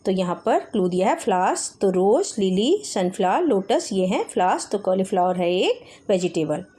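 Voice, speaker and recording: Woman teacher, warm low-key voice, patient, goes slow over word lists for little kids. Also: sing-song. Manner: patient, step-by-step, reads word lists slowly. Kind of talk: explaining textbook exercises in mixed Hindi and English.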